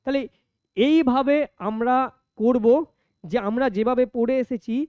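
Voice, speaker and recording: A woman's voice: on the high side, unhurried, darkish tone, no room sound. A woman teaching an exam-prep grammar lesson, who asks her own questions, answers them, and repeats each key rule several times. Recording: dull lo-fi sound.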